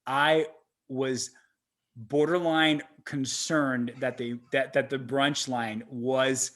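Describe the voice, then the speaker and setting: Guy on a movie podcast, gets all fired up, swears a lot, middle pitched voice. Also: slow pace. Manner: excitable, swears freely. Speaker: podcast co-host. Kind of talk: casual movie-reaction chat.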